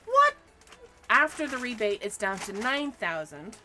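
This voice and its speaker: A woman talking casually on her live game stream, teasing and rambling, with a bright, tense tone. Her pitch moves around a lot. Faint music sits behind her. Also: wildly swooping pitch, measured pace.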